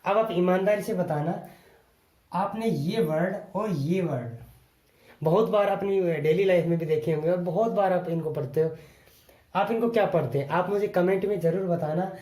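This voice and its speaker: A man's voice: high-pitched, moderate pace, warm tone, echoey room. A man teaching an English lesson to viewers, spelling words out letter by letter and patiently repeating each rule.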